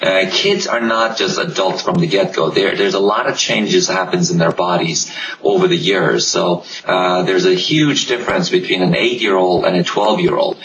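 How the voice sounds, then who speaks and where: A man's voice: deep voice, normal speed. A man working as a pediatrician, explaining things in an interview with frequent "uh"s. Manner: explanatory, many filler "uh"s. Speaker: pediatrician guest. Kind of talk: interview answers. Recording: echoey, distant mic with noise.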